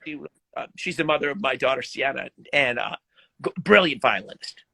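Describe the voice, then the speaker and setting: A man's voice: medium pitch, moderate pace, vocal fry, husky, no echo. A middle-aged man, a guest musician, telling stories in a casual live video chat and laughing often. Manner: animated, laughing storyteller.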